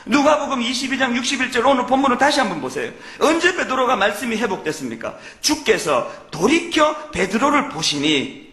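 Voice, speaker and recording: A man's voice: very high-pitched, pushed and bright. A man from preaching a sermon as a pastor, earnest and emphatic, with many rhetorical questions. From Gyeongsang, South Korea. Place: church sanctuary. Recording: echoey church hall.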